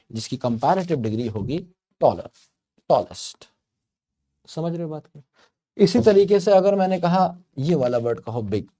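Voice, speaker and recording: Teaching English grammar to learners, a man speaks in a mellow, medium-pitched voice. He keeps things conversational and story-driven, drawing out words playfully to make his point.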